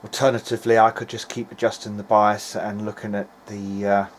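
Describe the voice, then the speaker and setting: In a noisy amateur clip, a man who repairs electronics as a hobby tests gear and thinks out loud in a hesitant, diary-style narration. He speaks briskly, with a lowish, level voice.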